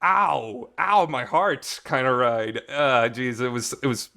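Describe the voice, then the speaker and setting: A gravelly, bright and forceful mid-range voice takes its time, staying expressive throughout. It belongs to a man hosting a casual visual novel talk show, offering an informal, emphatic and enthusiastic fan review. There's some reverb on his voice.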